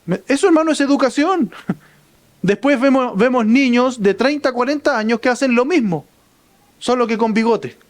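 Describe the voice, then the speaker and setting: A man's voice: very high-pitched, normal speed. A man with a Chilean Spanish accent, preaching a sermon as pastor and often turning to the congregation with "brother" and "right?". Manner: addresses listeners as brother, asks "right?".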